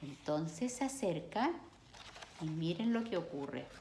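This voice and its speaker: A woman's voice: deep voice, expressive, slow pace, noisy background. A woman reading a picture book aloud to children, stopping to explain the pictures. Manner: warm, explains the pictures to kids. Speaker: storyteller for children. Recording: echoey room.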